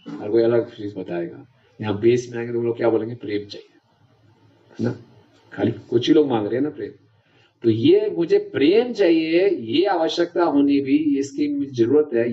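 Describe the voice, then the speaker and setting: A man giving a devotional lecture, chatty and often checking that the audience follows. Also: mid-range voice. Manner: conversational, checks understanding with the audience. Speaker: preacher. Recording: dull lo-fi lecture recording.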